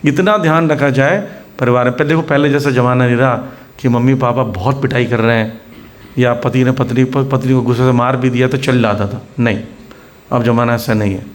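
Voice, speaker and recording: A man's voice: medium pitch, steady tone, a little fast. An Indian man giving a Hindi sermon at a temple preaching centre, mixing in English words and acting out scolding examples.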